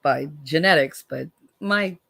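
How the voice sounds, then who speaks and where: Against a noisy background, a US woman hosting a casual livestream talks a little slowly in a creaky voice. Reading out viewer comments, she swears, speaks bluntly, and alternates between weary lows and sharp, sarcastic shots.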